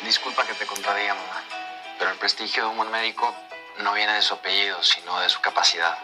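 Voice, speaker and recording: A young doctor in a telenovela, earnest and affectionate. His voice sits low, and a clear music bed runs under the TV soundtrack. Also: steady tone, quick pace, sharp tone. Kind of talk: telenovela acting.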